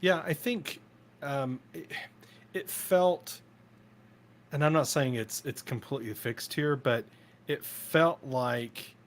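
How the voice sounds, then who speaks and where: Guy cohosting, casual, walks through stuff step by step, keeps tagging on quick questions, mid voice, faint noise. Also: medium pitch. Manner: explains step by step, keeps asking "right?". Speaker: podcast co-host. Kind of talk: casual live chat.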